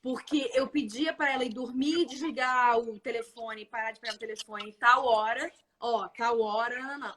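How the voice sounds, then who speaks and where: A middle-aged woman tells animated family anecdotes in a casual chat. She has a high voice. She acts out her children's lines as she goes. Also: moderate pace, few pauses. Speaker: guest.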